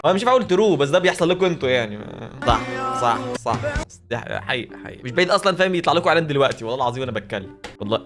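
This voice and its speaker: A young man with an Egyptian Arabic accent reacting to clips with lively, laughing casual commentary over background music. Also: mid-range voice, rapid-fire. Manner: lively, laughing, swears often. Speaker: reaction video host.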